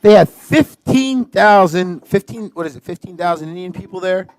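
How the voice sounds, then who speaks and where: A man talking on a casual panel show, emphatic and quick to restart his phrases. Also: high-pitched, expressive, a little mellow, no room sound.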